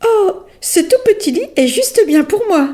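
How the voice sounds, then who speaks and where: A curious little girl chirps sweetly in a high, bright, lilting voice that rises and falls, as a woman reading the story puts it on. She sounds polite and cheerful, with a soft, mellow tone. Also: very animated, unhurried, faint music behind, full character voice. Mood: pleased.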